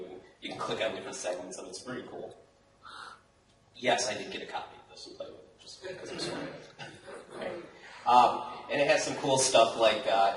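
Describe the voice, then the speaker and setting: A man's voice: lowish voice, distant mic, slight background noise. A man giving a casual technical talk at a college hackathon, chatty and often asking his audience "right?". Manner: casual, chatty presenter with frequent "right?" and laughs. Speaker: conference speaker. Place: lecture hall at a college hackathon. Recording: echoey hall recorded from afar.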